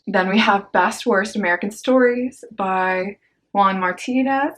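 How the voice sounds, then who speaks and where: A young woman casually chatting about a book haul on her vlog, slangy and upbeat, with quick asides. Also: mid-range voice. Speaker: book vlogger.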